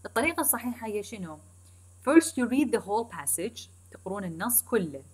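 A woman with an Iraqi Arabic accent teaches a recorded English lesson at a middle pitch. She talks straight to her students and switches between Arabic and slow, carefully spaced English. She repeats the key points. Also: big pitch swings, husky. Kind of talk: recorded online lecture.

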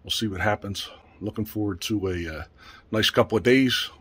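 A man's voice: fairly low pitch, breathy edge. A man, out of breath, talking casually to camera about his hunting day from a cabin porch and the woods. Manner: relaxed, matter-of-fact, with filler pauses. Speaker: hunting vlogger. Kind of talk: casual vlog narration.

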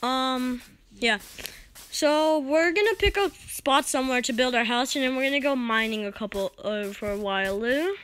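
A woman talks through her game in a loose, rambling way and keeps dropping in filler sounds. Her voice sits high and has a bright edge to it. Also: normal speed, a little hiss or hum, low-quality recording. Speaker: let's play host. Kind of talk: casual gameplay commentary.

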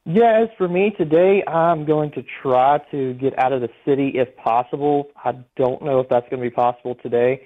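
A man's voice: mid-range voice, moderate pace, few pauses. Man reporting over a thin phone line. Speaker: storm chaser giving eyewitness report. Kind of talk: live phone interview report. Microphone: telephone.

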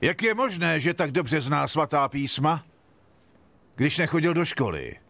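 A man's voice: fairly high pitch, sing-song, vocal fry, a bit bright, pitched above the performer's own voice, full character voice. A man voicing a doubting male temple leader who sounds questioning and incredulous.

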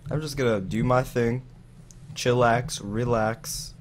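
A man's voice: medium pitch, fairly even intonation, slow pace, noisy background. A man playing a video game with friends, chatting casually in a playful, teasing way. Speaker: Minecraft player, channel co-host. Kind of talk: casual gaming chat with friends.

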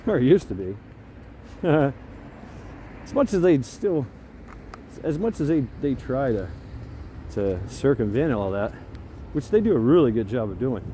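Filmed on a handheld phone at arm's length, a middle-aged American man wanders a neighborhood sidewalk in a casual, rambling vlog chat, faltering and turning aside to talk to a dog. His mid-range voice is sing-song and dark, with street noise and cars going by.

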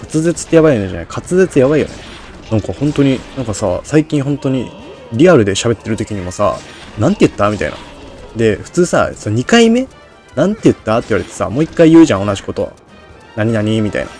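A man's voice: medium pitch, animated, fast, a little mellow, faint music behind. A man giving rambling, self-deprecating commentary on a game, his diction slurred and hard to catch. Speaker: game streamer. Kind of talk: casual Let's Play commentary.

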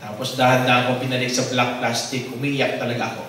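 A priest tells a personal story in his sermon and acts out each voice with animation. His mid-pitched voice comes from a distance and rings through a very echoey hall. Faint noise sits under the voice. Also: fast. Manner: animated storyteller acting out dialogue. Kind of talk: sermon testimony.

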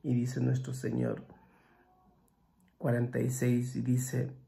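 A man preaching a sermon who swings between loud exclamations and hushed passages and asks his listeners direct questions. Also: mid-range voice, monotone, slow, gravelly.

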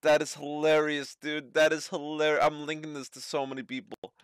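A man's voice: on the high side, completely flat delivery, normal speed, clear, resonant tone, dry recording. A man giving casual reaction commentary as a streamer, laughing as he talks, giddy and breathless with amusement, on a close mic.

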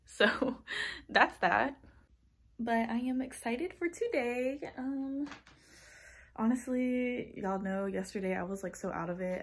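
A woman's voice: on the high side, breathy edge. A woman, chatting casually to her phone camera in a student vlog, upbeat and full of fillers. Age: 20s. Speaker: college student vlogger.

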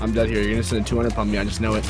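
A man's voice: lowish voice, completely flat delivery, rapid-fire. A young man trash-talking casually during an online game, a cocky hyped gamer bro. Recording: music and game gunfire behind. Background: music, game gunfire.

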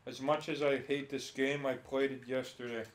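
A man's voice: mid-range voice, level tone, moderate pace. A young man chatting and joking while playing a party video game, doing mock talk-show call-ins and telling rambling stories. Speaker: gaming video host.

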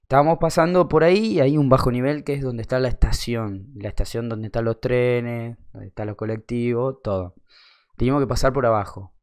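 A man's voice: medium pitch, fairly even intonation, fairly quick, darkish tone, smooth. A young man with an Argentine accent telling a funny anecdote in slangy, swearing casual talk. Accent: Argentine Rioplatense. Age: young adult. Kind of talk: casual storytelling.

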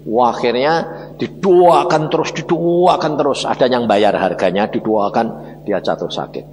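A man with a Javanese-tinged Indonesian accent preaching a lively testimony sermon, acting out the dialogue and addressing listeners as brothers and sisters. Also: mid-range voice, measured pace, a little hiss or hum. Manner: animated storytelling, acts out dialogue, addresses listeners as saudara. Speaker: evangelist preacher. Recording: reverberant hall with faint ambience.

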